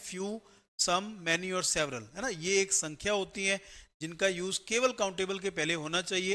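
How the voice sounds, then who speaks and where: A male grammar teacher giving a step-by-step classroom lecture for exam students, often checking in with a quick "right?". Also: on the high side, bright, forceful tone.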